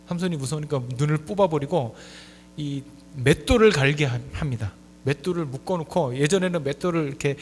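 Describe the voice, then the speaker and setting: A man in his forties delivers a sermon with a fairly high voice, dropping low and quiet, then surging loud and high for emphasis. The church room gives a long reverb tail, and a faint electrical hum sits underneath. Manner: emphatic preaching, swinging from soft low asides to loud high appeals. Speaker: pastor. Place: church sanctuary.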